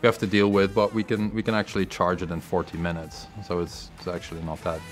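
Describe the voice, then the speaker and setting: Very deep, monotone man explaining tech. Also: fast. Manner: matter-of-fact technical explaining, with repeated words. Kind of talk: documentary interview. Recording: music bed under voice. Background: music bed.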